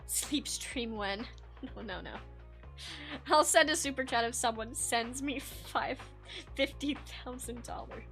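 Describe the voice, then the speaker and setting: A young woman streaming, chatting casually with viewers in a sleepy, rambling way with many restarts. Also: sits high. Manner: laid-back, rambling with many restarts and soft laughs. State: sleepy, yawning. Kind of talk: casual live-stream chat reading viewer comments.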